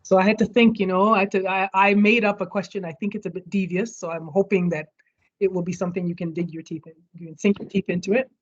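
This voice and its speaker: A woman's voice: medium pitch, steady tone, fast talker. Woman, study group leader, explaining step by step, muffled video call audio. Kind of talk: leading an online study group. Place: home near street fireworks.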